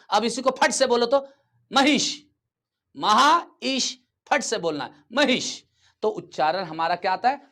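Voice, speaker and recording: Male teacher, slightly high, very animated pitch, deliberate pace, drawn-out examples, constant comprehension checks. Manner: repeats words slowly and checks understanding. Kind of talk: classroom grammar lesson.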